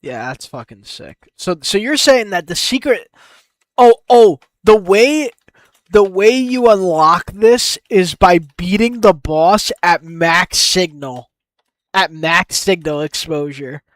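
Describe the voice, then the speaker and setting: A young man talks through game ideas on a live stream in an unhurried, drawn-out way, thinking aloud and swearing casually as he gets excited. His voice sits close and dry, with no room sound around it. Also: high voice, no room sound.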